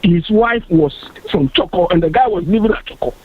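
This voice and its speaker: A Ghanaian man speaking as a radio panel guest makes his case briskly in a high voice with lively intonation. He comes across as earnest and emphatic, often repeating himself, over a dry, tinny, phone-like radio sound.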